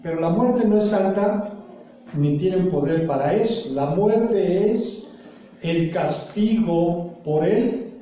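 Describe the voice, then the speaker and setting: High-voiced pastor in an echoey room. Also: male voice, slow, warm tone, far from the mic, a little hiss or hum. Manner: asks the congregation questions and leaves blanks for them to fill. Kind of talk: sermon.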